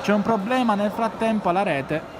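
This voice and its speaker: A male sports commentator with a high-pitched voice. He calls a live futsal game and lifts his voice excitedly when there are goals. Loud sports hall noise and ball bounces surround him. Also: moderate pace. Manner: excited, raised-voice goal calls.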